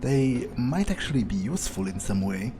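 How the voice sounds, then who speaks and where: Over music, a man with a mid-range, sing-song voice talks at a moderate pace, role-playing a sardonic vampire as he plays. It's an improvised let's play monologue: casual, hesitant musings to himself laced with dry, morbid humor.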